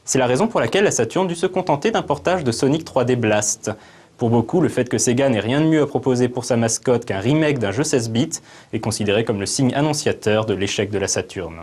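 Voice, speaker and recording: A man presenting a scripted, storytelling narration of a history segment, delivered briskly. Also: medium pitch, a little mellow, husky.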